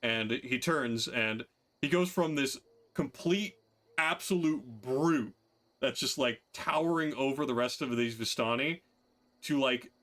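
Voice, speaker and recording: A man's voice: medium pitch, a little slow, fairly bright tone. A man narrating a tabletop game as game master in a casual style, with fillers and laughs.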